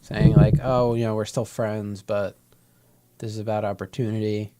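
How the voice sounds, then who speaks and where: Young guy podcast cohost, lowish voice, recapping matches play by play and quoting the wrestlers. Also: little pitch movement, normal speed, mellow. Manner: retells the show play by play, mimicking wrestlers' lines. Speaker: podcast co-host. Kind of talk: casual chat.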